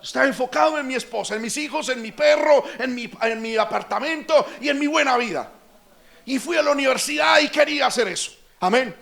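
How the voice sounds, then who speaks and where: Colombian pastor guy preaching hard, real high voice, kinda gravelly, yells at the big parts. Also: a little fast. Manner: passionate preaching, rising to shouts. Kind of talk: sermon.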